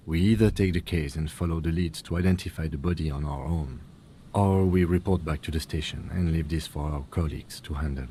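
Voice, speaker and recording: A low, mellow voice belongs to a calm and methodical police lieutenant. He speaks in a measured, precise, matter-of-fact way, with a faint hum of ambience behind him. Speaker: police partner. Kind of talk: game voice acting.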